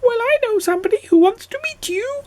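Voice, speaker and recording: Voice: extremely high pitch, lively intonation, brisk, dry recording, voice pushed up. A performer voicing a small, cheeky, grinning male goblin in a children's storybook, with a teasing, chirpy manner.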